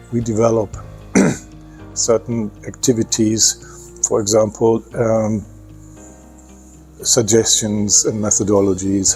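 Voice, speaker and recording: A man's voice: on the low side, a little mellow. A man speaking as an expert in a project promo, hesitant, with many ums and restarts. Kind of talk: talking to camera in a promo clip.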